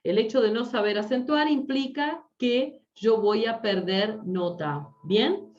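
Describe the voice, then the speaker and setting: A woman's voice: a little high, slow, a little mellow. Female language teacher, patient lecture delivery, mid voice, distant muffled mic. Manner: explains patiently, checks understanding with frequent "¿sí?". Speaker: Spanish teacher. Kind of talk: online class lecture. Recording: slightly distant, dull lo-fi mic.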